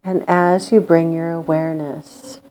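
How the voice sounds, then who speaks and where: A woman leading a guided meditation in a calm, gentle, soothing manner with long pauses. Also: low voice, a little hiss or hum, low-quality recording.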